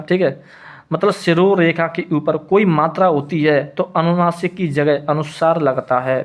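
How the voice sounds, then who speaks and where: Hindi man teaching grammar, higher voice. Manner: repetitive, asks and answers own questions. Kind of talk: classroom lesson explanation.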